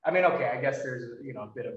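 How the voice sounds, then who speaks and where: A man's voice: medium pitch, racing. A man chatting casually as a podcast host, in a hesitant, rambling, self-deprecating way. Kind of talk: casual chat, hosting an interview podcast. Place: indoors, in-person podcast recording. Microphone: microphone at some distance, no windscreen. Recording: echoey room, distant mic, dull sound.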